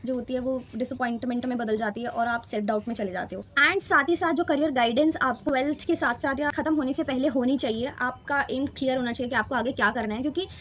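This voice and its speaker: A woman's voice: sits high, steady tone, quick pace, few pauses. A woman in her twenties, talking earnestly and reflectively in a candid personal vlog, slipping English phrases into her speech. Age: 20s. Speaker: vlogger sharing exam experience.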